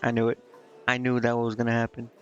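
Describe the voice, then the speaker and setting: Speaking fast in a monotone at medium pitch, a man provides informal live commentary on a game, reasoning aloud and reading lines of dialogue as they come up. The audio is muffled and band-limited, and game music can be heard underneath.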